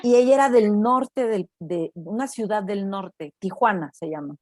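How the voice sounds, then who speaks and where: A woman's voice: mid-range voice, moderate pace, dry recording, clean studio sound. A Mexican woman, a university researcher, telling a story in a casual interview and often tagging her sentences with "no?". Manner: animated storytelling, acts out quoted voices, frequent "¿no?" tags.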